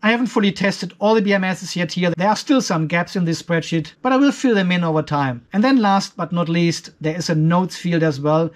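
A high-voiced man in his fifties, hosting an off-grid tech review video, talks through a technical comparison on a spreadsheet. He explains things step by step and voices his own opinions, speaking briskly with few pauses.

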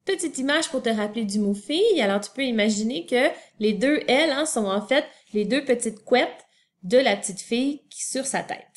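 A woman's voice: fairly high pitch, expressive, normal speed. A woman teacher giving a spelling lesson to young children, spelling words out letter by letter and talking directly to the child.

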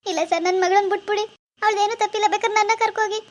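Lady doing a high shrill cartoon village mom, pleading and sobbing or nagging her kid. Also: little pitch movement, fast, lightly acted. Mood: wailing, pleading. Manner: pleading and sobbing in the dream, bossy when nagging. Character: village mother, middle-aged, anxious, scolding, wailing. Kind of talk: cartoon voice acting.

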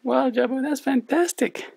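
A man voicing an excitable childlike puppet dog in a squeaky falsetto, like an overbright kids' party host on a puppet show. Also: measured pace, vocal fry, breathy edge, heavily acted. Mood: curious, cheerful.

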